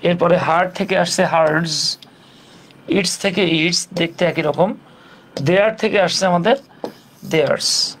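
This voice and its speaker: A man's voice: sits high, very slow, long pauses, fairly bright tone, a little hiss or hum. A man teaching English grammar in a casual, step-by-step way, asking rhetorical questions and joking in colloquial speech. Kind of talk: casual classroom lesson.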